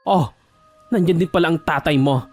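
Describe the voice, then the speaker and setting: A man's voice: fairly high pitch, moderate pace, darkish tone, no echo, faint music behind, natural voice. A man playing a defensive young man who guards his house, sounding irritated and evasive.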